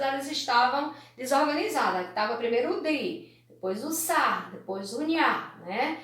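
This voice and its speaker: A woman's voice: sits high, fairly bright tone. A Brazilian woman teacher giving an online class, sounding out words syllable by syllable and checking in with "né?" and "tá certo?". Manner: slow, drawn-out syllable-by-syllable teaching with frequent "né?" and "tá certo?". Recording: very echoey room.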